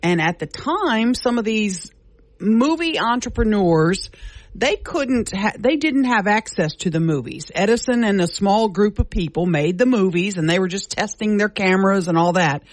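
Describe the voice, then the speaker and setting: A woman's voice: medium pitch, animated, normal speed, no echo. A female radio co-host speaking in a mid-range voice. She chats easily, tells stories and backs up her partner. Her voice is recorded dry and close to the mic. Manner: chatty, affirming, storytelling. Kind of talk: casual radio chat.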